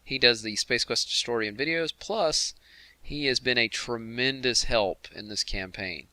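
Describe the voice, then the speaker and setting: A man hosting a casual game commentary livestream, chatty and quick to laugh as he talks to the chat room. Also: mid-range voice, bright, forceful tone, dry recording. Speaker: host of a game commentary stream.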